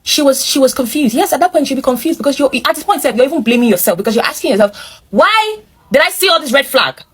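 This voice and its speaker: She speaks fast and expressively in a high, somewhat bright voice with a Nigerian accent. Hosting, she reads out a viewer's story and reacts to it in animated fashion. Opinionated, emphatic remarks directed at listeners punctuate the telling.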